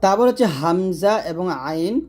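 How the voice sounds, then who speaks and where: A man teaching Quran letter pronunciation in a slow step-by-step lesson, repeating each sound for the listener to copy. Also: sits high, darkish tone.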